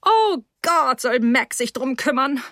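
A woman voicing a tipsy, giggly middle-aged mother with a shrill, flighty manner in a storybook reading. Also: animated, slow pace, bright, forceful tone, dry recording, studio quality, exaggerated voice. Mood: snappish.

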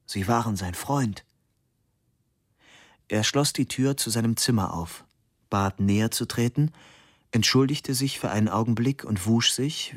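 A man with a voice on the low side narrates an audiobook, keeping a steady, measured storytelling pace. The studio sound is clean, with no echo.

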